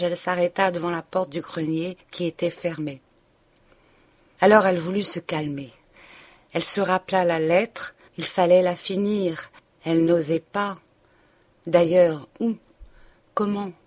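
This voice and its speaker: A woman narrating a novel as an audiobook, reading expressively and dropping to a whisper at tense moments. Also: on the low side. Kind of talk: scripted narration.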